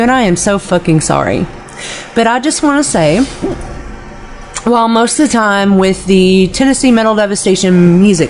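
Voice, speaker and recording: A woman's voice: medium pitch, darkish tone. A woman co-hosting a radio show, chatty and gushing, swearing freely and apologizing for her hiccups. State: has the hiccups. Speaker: radio co-host and festival organizer. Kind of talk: casual chat, heavy swearing.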